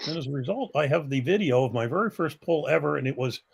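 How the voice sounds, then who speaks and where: An older man co-hosting a casual live stream, talking in a halting, rambling, self-deprecating way. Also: fairly high pitch, lively intonation, vocal fry, breathy edge.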